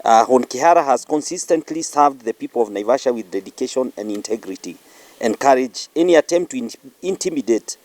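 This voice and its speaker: Male political representative, Kenyan accent, medium pitch, very little room sound, firm and formal statement delivery. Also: expressive, fairly quick, darkish tone, no room sound. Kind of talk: reading a formal press statement.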